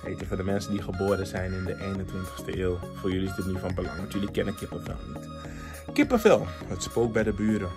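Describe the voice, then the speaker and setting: Young dutch guy chatting thru his book shelf, lowish voice, easygoing, bit of music underneath. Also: fast talker, hardly any pauses. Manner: relaxed, chatty, laughs easily, mixes in English phrases. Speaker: vlogger reviewing books. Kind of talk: casual book review vlog. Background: faint background music.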